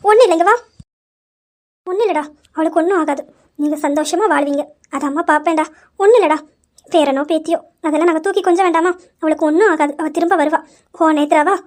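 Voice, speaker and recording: A woman's voice: very high voice, quick pace, darkish tone. A woman as a comforting, anxious mother. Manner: soothing, pleading. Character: loving middle-aged mother, anxious and comforting. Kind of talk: amateur audio drama acting.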